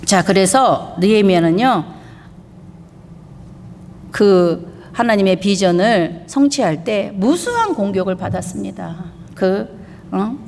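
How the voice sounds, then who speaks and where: A woman's voice: medium pitch, lively intonation, slow, creaky, long pauses, a little mellow, slight background noise. A woman pastor preaching an emphatic sermon, putting rhetorical questions to her congregation. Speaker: pastor and missionary. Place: church sanctuary. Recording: long reverb of a church hall.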